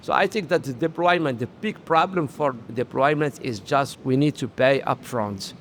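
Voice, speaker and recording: Middle-aged Moroccan industry guest, earnest, searching for words, faint background hum. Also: male voice, mid-range voice, normal speed. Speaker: interview guest, solar industry executive. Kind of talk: casual interview talk. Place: solar trade conference.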